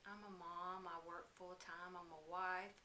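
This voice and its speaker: A woman with a bright, forceful voice speaks in a student-made news interview. She is earnest and projects clearly. The indoor space is roomy, with a faint hiss underneath. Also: fairly low pitch, level tone, unhurried. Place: indoors, in a home.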